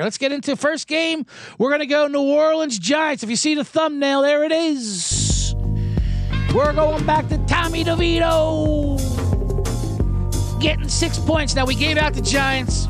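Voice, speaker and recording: Recorded dry in clean studio sound, a man with a very high voice hosts a sports betting podcast. He keeps the betting chat casual and profane, rambling and joking and dropping into mock accents.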